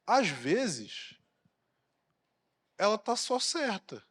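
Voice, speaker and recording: Brazilian man, high-voiced pastor, blunt and provocative, church hall echo. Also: big pitch swings, drawn-out words, a bit bright, breathy edge. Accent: Brazilian Portuguese. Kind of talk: sermon. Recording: long reverb of a church hall.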